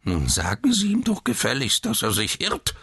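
A man's voice: fairly low pitch, wildly swooping pitch, normal speed, sharp tone, slightly rough, no echo, clean studio sound, pitched above the performer's own voice, heavily acted. A man voicing a peevish newborn who is seventy years old, with a cracked, quavering voice and a whining manner. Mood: whiny.

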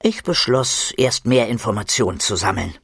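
Brief: expressive male narrator, first-person storybook reading, animated delivery, close dry recording. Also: on the low side, normal speed, creaky, breathy edge, dry recording. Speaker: audiobook narrator.

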